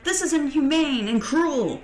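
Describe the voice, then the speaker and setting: A woman's voice: mid-range voice, big pitch swings, unhurried, reverberant, faint music behind. A woman voicing a frightened father pleading with an invader. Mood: scared.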